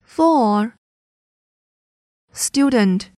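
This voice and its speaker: A woman's voice: fairly high pitch, lively intonation, very slow, dark tone, no room sound, studio quality. A woman reading English listening-test items carefully, repeating each sentence. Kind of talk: slow, clearly enunciated test reading.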